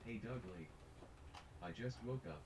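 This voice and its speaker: A male text-to-speech voice reading out viewer chat messages in a flat, machine-like way. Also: medium pitch, normal speed. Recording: noisy background.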